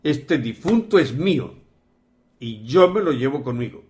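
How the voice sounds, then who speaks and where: A stern spiritual master barks commands and demands respect, voiced by a man retelling the scene. The voice sits at an ordinary male pitch and rises into forceful orders. It is a plain everyday voice brought to a story. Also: expressive, a little slow, natural voice. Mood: commanding.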